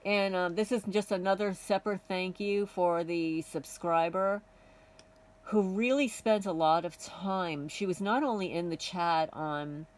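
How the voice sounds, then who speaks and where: A woman's voice: lowish voice, a little slow, recorded from a distance, poor audio. A woman with a Kentucky accent talking casually to her channel viewers, rambling with many ums and restarts. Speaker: homesteading channel vlogger. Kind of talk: casual vlog talk to viewers.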